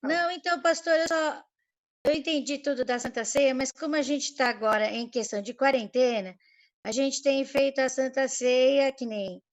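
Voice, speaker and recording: Higher-voiced woman asking questions on a call. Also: moderate pace. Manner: hesitant, informal questioning. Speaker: participant relaying questions. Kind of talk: casual chat.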